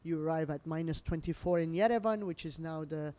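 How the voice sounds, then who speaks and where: A deep female voice moves a little fast: a middle-aged Lebanese restaurant owner being interviewed over a meal. She tells her stories expressively, in English that is imperfect and non-native in its phrasing.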